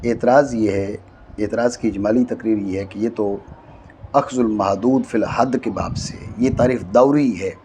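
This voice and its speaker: A man's voice: on the low side, noisy background. A man teaching a classroom lesson, dictating phrase by phrase and quizzing his student. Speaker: teacher of Arabic grammar.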